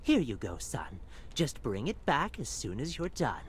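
A woman as a slow, sing-song old rat with a cane, fussy and overly polite. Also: rumbling low, very animated, slight background noise, heavily acted. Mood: genteel.

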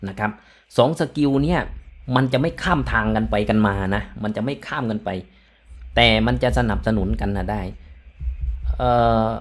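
A man's voice: lowish voice, animated, moderate pace. A man hosting his channel, talking casually and rambling, with many fillers, repeated words and polite particles. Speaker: channel host sharing his language-learning path. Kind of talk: casual talk to camera.

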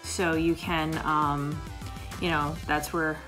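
At her home kitchen table, a paramedic and vlogger in her thirties chats loosely to camera over coffee, with plenty of fillers and restarts. Her low, slightly raspy voice holds a level tone at a slow pace. Background music plays clearly beneath her indoors.

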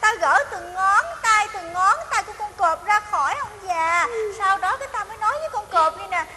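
Fairy godmother, very high voice, bossy, fussy, exclaiming, long reverb. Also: a little fast, pushed and bright, slight background noise. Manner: scolding, exclaims often.

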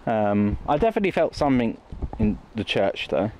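Out on a woodland walk with his phone in hand, this haunted-places vlogger rambles casually to the camera in a fairly low, mellow, sing-song voice at a brisk pace. The audio is poor, with slight background noise.

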